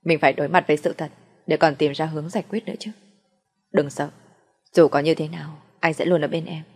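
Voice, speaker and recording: A woman voicing a young man, a gentle boyfriend who teases and comforts in a soft, reassuring way. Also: sits low, fairly even intonation, brisk, long reverb tail. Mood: firm.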